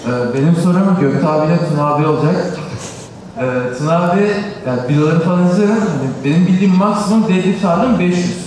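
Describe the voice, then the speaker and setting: A man in the audience asks an eager, halting question. His voice is slightly high and he talks quickly. He sounds far off in a reverberant hall. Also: darkish tone, slight background noise. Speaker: audience member asking a question. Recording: distant voice in a big reverberant hall.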